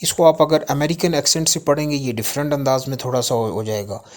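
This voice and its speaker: Casual teacher: a man from Pakistan, mid-pitched voice, reading vocabulary lists in an easygoing, unhurried way. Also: fairly even intonation. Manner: reads word lists with fillers and restarts. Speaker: English teacher.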